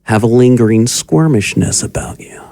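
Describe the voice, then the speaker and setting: In an audio drama, an actor voices a cruel, domineering occult magus who mocks and talks down to his pupil. His man's voice sits at medium pitch with a dark tone and vocal fry, moving at a moderate pace, natural and free of echo. He sounds menacing and condescending, issuing commands like a sinister mentor.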